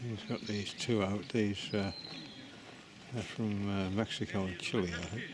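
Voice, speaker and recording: A vlogger touring a bird and animal centre gives a casual walking commentary outdoors while he films. His voice is lowish and steady at a measured pace, a crowd audible behind him, and he muses chattily, often breaking off mid-sentence.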